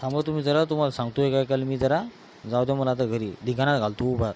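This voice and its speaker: A man with a Varhadi Marathi accent playing a drunk, quarrelsome son who loudly demands his share of the family land in a village comedy skit. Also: mid-range voice, steady tone, fast talker, slight background noise, natural voice. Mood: belligerent. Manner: aggressive, shouting threats.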